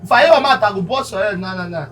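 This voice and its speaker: A man's voice: high-pitched, animated, a little fast, faint music behind. A man playing a pushy, irritable creditor in a comedy skit, speaking scolding Nigerian Pidgin with a Nigerian accent. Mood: angry, threatening.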